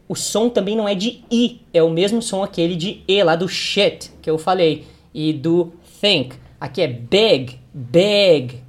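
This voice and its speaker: A man teaching English pronunciation, drilling words slowly and having the listener repeat after him. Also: sits high. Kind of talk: pronunciation lesson.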